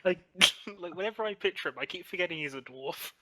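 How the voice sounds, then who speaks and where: A man playing a tabletop game, joking and asking the game master quick questions. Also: sits high, animated, heavy background noise. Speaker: player. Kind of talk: casual tabletop chat.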